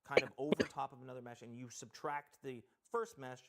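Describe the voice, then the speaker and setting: A man's voice: mid-range voice, steady tone, brisk, a crowd in the background. A man from Canada, a game developer guest on a talk show, explaining technical systems in detail and thinking aloud as he goes.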